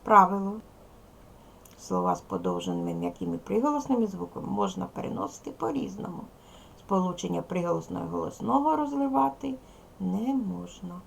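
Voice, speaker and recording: A woman with a strongly gravelly, fry-heavy voice teaches a recorded lesson to young children. She speaks with a Ukrainian accent and explains each step slowly and deliberately. A faint hiss of noise sits under her voice. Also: on the low side, big pitch swings, a little mellow. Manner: slow, careful, deliberate explanation to young pupils. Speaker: primary school teacher.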